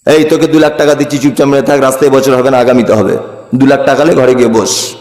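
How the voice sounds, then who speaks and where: A man voicing a sly, bossy male politician who hushes people in a low, dismissive voice. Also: steady tone, fast, close to an everyday voice. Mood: sly hushing. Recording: echoey hall-like PA reverb.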